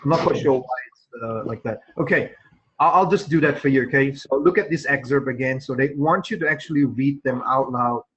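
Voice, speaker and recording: Male tutor, husky, explains step by step on a video call, lots of ums. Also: medium pitch, brisk, a bit bright, highs cut off. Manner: explanatory, hesitant fillers. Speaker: English test teacher. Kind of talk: online class instruction.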